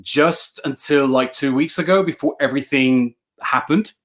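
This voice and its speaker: A man's voice: medium pitch, normal speed. Swedish man on a video call. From Sweden. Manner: earnest, repeats words while thinking. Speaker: success coach, guest. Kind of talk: casual video-call interview. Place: bright room at home.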